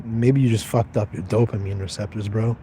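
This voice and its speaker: A man's voice: fairly low pitch, fairly even intonation, fairly quick, mellow, slight background noise. A man in his twenties livestreaming, reading chat questions aloud and answering them in a blunt, profane, detached way. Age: 20s.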